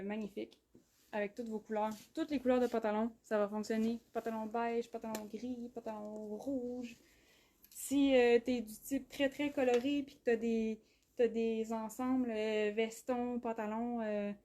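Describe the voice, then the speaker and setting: Chatty Québécoise woman, mellow voice. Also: on the high side, a little hiss or hum. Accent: Québécois French. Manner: chatty, laughs often, many fillers. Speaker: clothing brand host. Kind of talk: live shopping stream. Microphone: phone.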